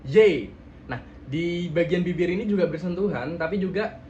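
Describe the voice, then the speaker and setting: A man's voice: high voice, a little mellow, dull audio, a little hiss or hum. A young man casually demonstrating letter sounds for an articulation exercise, stretching out sample words and adding playful jokes. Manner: drawn-out demonstration sounds, joking asides. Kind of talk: casual tutorial.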